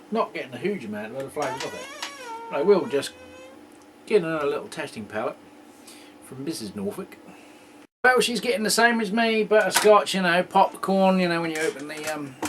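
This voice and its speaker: Casting: man, homebrew vlogger, rambling and jokey, mid-pitched voice, faint hiss behind. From England. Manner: rambling, joking, throat-clearing. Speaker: homebrew video host. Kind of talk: casual homebrew tasting chat.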